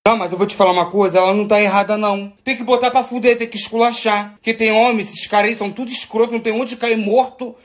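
A man's voice: high voice, fairly even intonation, fast talker, few pauses. A man hosting a gossip show, chatting casually and laughing as he comments on a played voice message.

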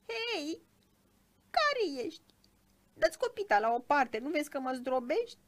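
A proud little cricket fiddler, put on by a woman reading a storybook, speaks in a high, squeaky, slightly hoarse voice. He declaims loudly and takes offense easily, his pitch leaping around with lively swings. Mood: indignant. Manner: indignant, declaiming. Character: tiny male cricket fiddler, proud and touchy.

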